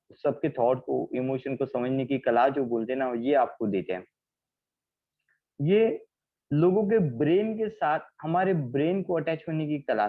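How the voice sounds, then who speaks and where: A man's voice: medium pitch, narrow, tinny audio. A man leading an online healing class, explaining with acted everyday examples and often checking that his students follow. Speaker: healing trainer.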